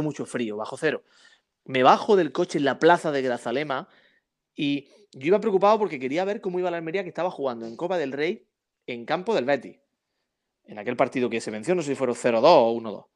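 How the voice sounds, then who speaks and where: A man chats about football in a loose, anecdotal way, often ending his sentences with tag questions. His pitch sits in the middle range for a man, and his delivery is relaxed and conversational. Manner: chatty storyteller, frequent tag questions. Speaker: podcast co-host. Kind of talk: casual football chat.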